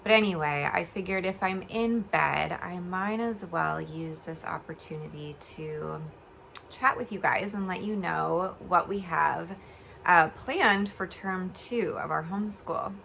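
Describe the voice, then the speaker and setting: A young woman with a slightly low, creaky voice talks casually to her viewers. Her words come out a little slurred, as if her mouth is swollen while recovering from oral surgery. She rambles in a giggly, homespun vlogger way, with faint noise behind her. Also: measured pace, fairly bright tone. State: recovering from oral surgery, talking a bit funny. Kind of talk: casual chatty vlog. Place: bed at home.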